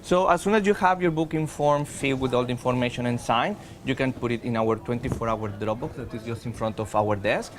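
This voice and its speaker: A man with a Mexican accent, a native Spanish speaker, explaining procedures in a halting, methodical announcement. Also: mid-range voice. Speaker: shore excursions presenter. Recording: clear background noise.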